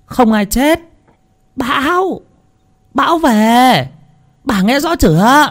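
A man voicing a frantic old village woman neighbor, shouting urgently into a deaf friend's ear. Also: sits high, sing-song, normal speed, voice pushed up.

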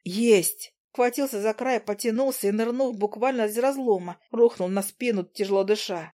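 A woman narrating a fantasy audiobook in the first person with lively, expressive storytelling. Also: a little high, fairly quick. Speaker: audiobook reader.

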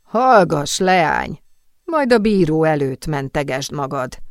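A woman's voice: sits low, very animated, no echo. Woman doing a stern male marshal, curt orders, storybook reading, dry. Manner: curt, commanding.

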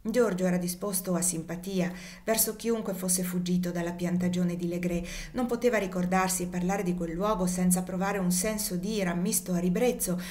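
A woman narrating a classic novel as an audiobook, with a steady, measured reading. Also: on the low side. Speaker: audiobook reader.

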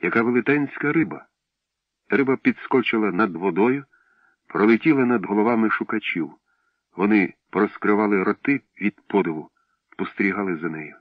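Guy reading a story slow and steady, low voice, dull dry recording. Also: no echo. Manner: measured, unhurried. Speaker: narrator. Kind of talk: audiobook narration.

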